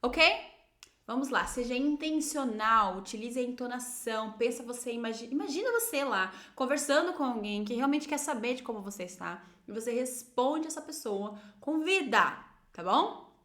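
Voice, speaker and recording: A woman with a Brazilian Portuguese accent teaching an online English lesson, encouraging her students and drawing out English example phrases slowly. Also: fairly high pitch, expressive, a bit bright, echoey room.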